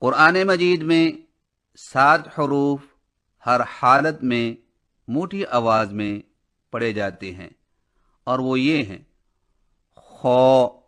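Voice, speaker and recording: A man's voice: medium pitch, very slow, long pauses, a bit bright. A man teaching a Quran recitation lesson in Urdu-accented speech, explaining rules and chanting letters with long held vowels. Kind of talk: tajweed lesson with slow drawn-out recitation.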